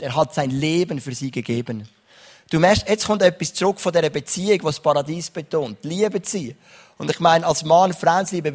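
Guy preaching, reads bible verses, keeps asking the crowd oder?, voice on the high side. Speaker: pastor. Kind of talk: sermon.

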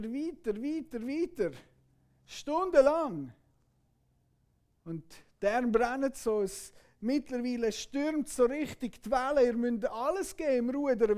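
High-voiced preacher retelling dramatically. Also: male voice. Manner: dramatic storyteller, swings between loud outbursts and hushed passages. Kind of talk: sermon with imaginative retelling.

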